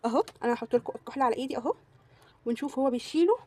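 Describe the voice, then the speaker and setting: A young Egyptian woman rattles through a casual beauty product review at a very fast clip. Her voice is high and breathy, and she gushes, piling up repeated words for emphasis. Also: animated, darkish tone. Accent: Egyptian Arabic. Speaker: beauty vlogger.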